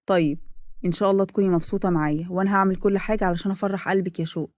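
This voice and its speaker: A man's voice: high voice, steady tone, racing, no room sound, clean studio sound, natural voice. A woman voicing a polite, eager young suitor with an Egyptian accent, speaking earnestly. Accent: Egyptian Arabic.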